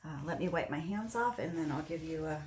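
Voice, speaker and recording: A woman casually talking through a hands-on craft demonstration step by step, in an unhurried way. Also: sits low, expressive, a little hiss or hum. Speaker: host of an acrylic pour painting tutorial. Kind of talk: casual craft demonstration, narrating as they work.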